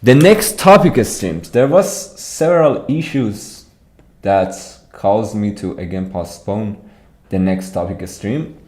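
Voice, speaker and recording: This young streamer from Iran speaks with an Iranian accent, talking casually with his livestream audience and frequently repeating words in his answers. He has a lowish, expressive voice with a darkish tone, and he speaks slowly.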